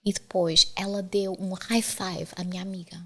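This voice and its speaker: A middle-aged university professor and author from the Azores, speaking with a Portuguese accent, is a guest in an interview, talking candidly and telling anecdotes in conversation. Her fairly low voice is delivered flatly at a moderate pace.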